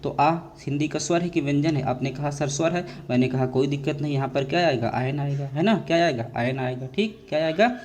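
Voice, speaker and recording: A man's voice: fairly high pitch, a little fast, few pauses, a little mellow. A man teaching English grammar to students in a classroom lecture. He keeps asking his own questions and answering them, repeats each point, and calls the students dear children. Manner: repetitive call-and-response drilling, addresses students as dear children.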